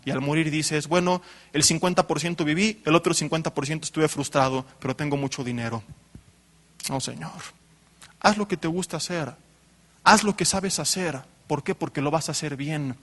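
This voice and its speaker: A man's voice: on the high side, fairly bright tone. A man, preaching a sermon to young people as a storytelling pastor who keeps adding tag questions. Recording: reverberant hall.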